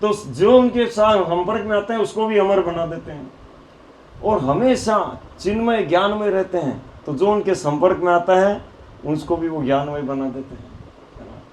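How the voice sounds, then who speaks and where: A man preacher telling devotional stories in an animated way, often laughing. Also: sits high, moderate pace. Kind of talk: devotional storytelling sermon. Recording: echoey hall with faint noise.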